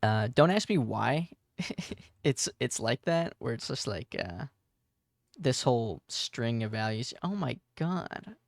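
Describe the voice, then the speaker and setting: A man's voice: medium pitch, big pitch swings, slow pace, gravelly, no echo, clean studio sound. A man of twenty talking through his game code in a casual, rambling way, full of fillers and self-corrections. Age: 20s. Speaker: game dev tutorial host. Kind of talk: casual coding tutorial with storytelling.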